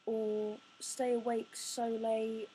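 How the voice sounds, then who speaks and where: A woman in her twenties talking about her own life in a halting way, restarting phrases, her words sometimes coming out in a rush. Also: fairly high pitch, flat delivery, dark tone, a little hiss or hum, low-quality recording. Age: 20s. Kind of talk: personal confessional talk.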